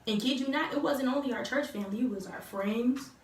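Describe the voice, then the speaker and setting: A woman's voice: sits high, fairly quick. An eighteen-year-old woman casually telling viewers her love story, chatty and full of fillers, acting out what others said. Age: teens. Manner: chatty, lots of fillers, acts out quotes. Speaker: vlogger telling a couple's story. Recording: roomy echo, distant mic, faint noise.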